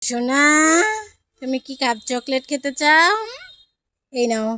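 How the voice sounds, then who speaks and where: High sing-song mother coaxing her baby. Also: slow pace, sharp tone, smooth, dry recording, studio quality. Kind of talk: playful baby talk.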